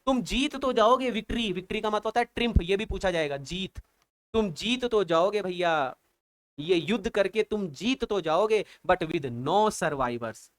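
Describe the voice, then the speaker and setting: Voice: mid-range voice, expressive, unhurried. An English teacher explaining a poem line by line, translating each phrase and asking rhetorical questions with enthusiastic exclamations.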